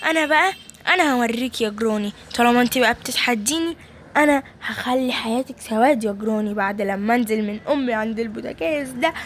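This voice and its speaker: Casting: woman playing a frightened possessed boy in a game, Egyptian accent, high whiny voice. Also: a little hiss or hum, lightly acted. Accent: Egyptian Arabic. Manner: whiny, fretful, complains to viewers. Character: timid possessed little boy, scared of cats. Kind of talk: playful game role-play narration.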